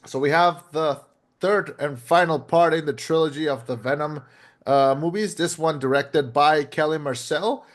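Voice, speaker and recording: Brief: young male podcast host, slightly higher voice, blunt, casual, swears a lot. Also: normal speed. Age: 20s. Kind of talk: casual movie review chat.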